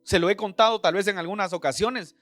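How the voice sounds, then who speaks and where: A middle-aged man with a Central American Spanish accent preaches to his congregation, calling them brother and throwing out questions. His voice sits fairly high and the sound is dry and close. Soft music plays faintly beneath. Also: quick pace, no room sound. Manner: preacherly, addresses listeners as brother, rhetorical questions. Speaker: pastor. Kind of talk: sermon. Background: soft background music.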